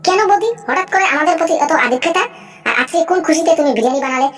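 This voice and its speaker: A woman's voice: very high voice, rapid-fire, faint music behind. A woman voicing a young boy in a cartoon who asks earnest, questioning things. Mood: suspicious. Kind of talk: cartoon voice acting.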